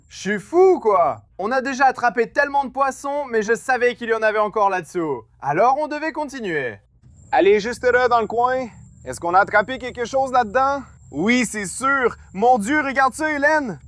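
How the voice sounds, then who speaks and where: A man hosting a fishing vlog, narrating excitedly and often exclaiming to his viewers. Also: very high voice, no echo. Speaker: vlog host.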